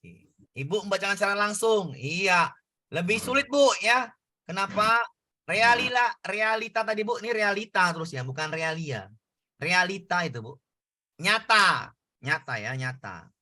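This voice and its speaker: A male tutor works through exam questions in a casual, back-and-forth way and keeps asking his students for answers. His voice sits high for a man. It sounds very bright and sharp. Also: expressive, moderate pace. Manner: conversational, asks students questions. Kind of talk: exam prep lesson.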